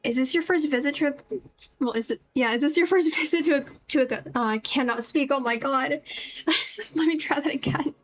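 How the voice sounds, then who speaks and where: A woman livestreamer with a high-pitched voice chats casually with her viewers while playing a video game, rambling through her commentary at a normal speed. Game music plays behind her, along with slight background noise.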